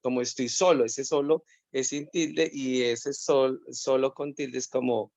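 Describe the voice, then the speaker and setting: Speaking unhurriedly in a gravelly, slightly mellow, medium-pitched voice with fairly even intonation, a man with a Colombian Spanish accent asks a hesitant question about a spelling rule during a course. He repeats words and apologizes, and the video-call audio is dry and dull with no room sound.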